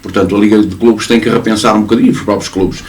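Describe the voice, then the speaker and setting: A man's voice: on the low side, quick pace, slight background noise. Emphatic sports commentator man. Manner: animated, emphatic, repeats and restarts words. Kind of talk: casual studio chat. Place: local TV studio.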